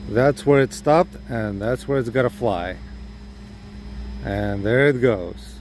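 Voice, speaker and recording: A drone hobbyist vlogger with a Ukrainian accent, who is losing his voice, chats casually outdoors in a parking lot, thinking aloud with plenty of fillers. His mid-range voice is slow and darkish, with a little hiss or hum.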